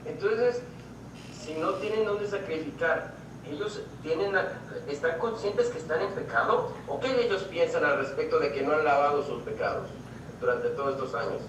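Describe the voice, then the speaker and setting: A man's voice: on the high side, moderate pace. A man taking part in a group Bible study, asking careful, hesitant questions. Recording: echoey room, far from mic, noisy.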